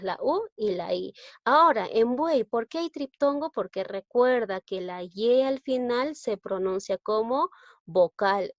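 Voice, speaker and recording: A woman's voice: medium pitch, dry recording. A woman teacher giving a patient, explanatory grammar lesson, often checking in with the listener. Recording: dull, dry lo-fi recording.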